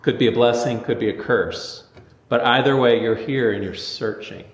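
A man preaching a sermon as pastor, conversational and animated in his storytelling. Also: medium pitch, normal speed, echoey room, big-room sound, muffled recording.

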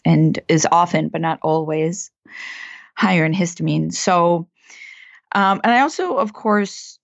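A woman with a gravelly, scratchy whiskey voice explains things casually and haltingly as a podcast co-host. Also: lowish voice, no echo, highs cut off. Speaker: podcast co-host answering listener questions.

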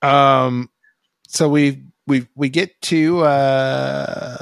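A man's voice: mid-range voice, fairly even intonation, very slow, creaky, fairly bright tone, smooth. A man co-hosting a casual podcast, easygoing, with short agreeing replies and dry jokes. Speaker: podcast co-host. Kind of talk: casual chat.

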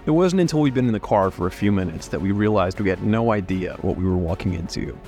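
A man from Alabama narrating a true-crime story in a measured, reflective way. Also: deep voice, lively intonation, a little mellow, faint music behind. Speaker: podcast narrator.

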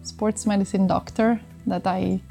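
Soft music plays behind a middle-aged Italian woman, a sports medicine doctor from northern Italy, as she answers interview questions in accented English. Her mid-range voice is gravelly yet mellow, steady in tone and measured in pace, and she now and then searches for words while explaining conversationally.

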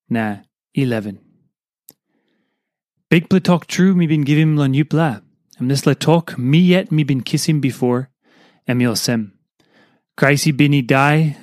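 A man's voice: mid-range voice, darkish tone, no echo. Man reading a devotional, very dry sound. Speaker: devotional reader. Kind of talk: scripted devotional reading in Tok Pisin.

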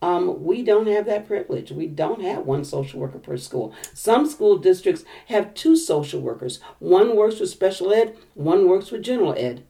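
A woman's voice: lowish voice, big pitch swings, normal speed, creaky, few pauses, dark tone. A woman working as a school social worker, talking frankly and earnestly in a casual interview. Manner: earnest, speaks in plain frank statements.

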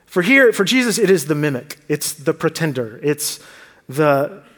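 Speaking at normal speed with a sing-song lilt, this man has a voice on the high side and a fairly bright tone. As pastor in a church sanctuary, he preaches earnestly and conversationally, putting rhetorical questions to the congregation, with long church hall reverb in the recording.

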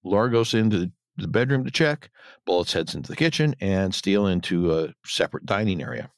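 A man's voice: low voice, very animated, fairly quick, no room sound. A man co-hosting a podcast, recapping a TV episode scene by scene in a casual chat. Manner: retells scenes, acting out quotes. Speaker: podcast co-host.

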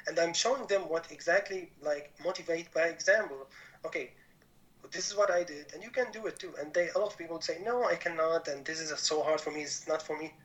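Syrian-born guy on a podcast, earnest, keeps rephrasing, bright kinda higher voice. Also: fairly quick, rough recording. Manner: earnest, rephrases often in non-native English. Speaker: podcast guest. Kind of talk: conversational interview.

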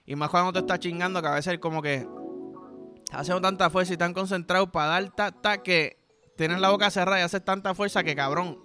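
Young puerto rican guy, high bright voice, vulgar slangy rant with sound effects. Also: steady tone, a little fast, soft background music. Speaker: podcast host. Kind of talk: crude comedic monologue.

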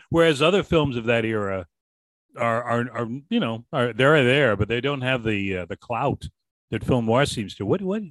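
Male host, dry close sound, rambling questions, middle pitch. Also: no room sound. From Boston, USA. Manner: rambling, halting questions with many restarts. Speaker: radio host. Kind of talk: interview.

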